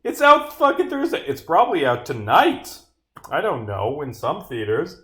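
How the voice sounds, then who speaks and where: Here the streamer's voice sits on the high side, moderately paced and fairly bright, with huge swings in pitch. He's at his computer working on his game, casually grumbling and swearing to himself as he reads script aloud and fixes bugs.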